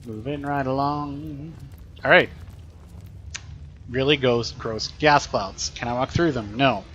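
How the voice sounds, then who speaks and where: A man talking through a video game as a teacher, chatty and explanatory, thinking aloud as he plays. His voice sits in a middle pitch, with faint room noise behind him. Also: a little slow, fairly bright tone, muffled recording. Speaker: teacher streaming gameplay. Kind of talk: casual gameplay commentary.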